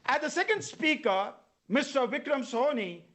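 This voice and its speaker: A man with an Indian accent reading formal scripted introductions as master of ceremonies at a debate, in a measured way. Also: very high-pitched, animated, bright, forceful tone.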